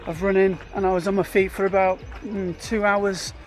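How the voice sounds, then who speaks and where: A man's voice: high-pitched, flat delivery, moderate pace, soft background music. A British man vlogging while running, tired and a bit dizzy, talking candidly and with self-deprecation. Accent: British English. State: tired and dizzy mid-run. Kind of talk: casual vlog narration.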